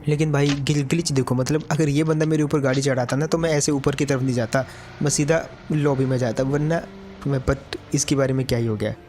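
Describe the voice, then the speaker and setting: A man's voice: medium pitch, fairly even intonation, a little fast, a little mellow, slight background noise. A man giving casual commentary over a mobile game match, chatty and addressing his viewers as brother.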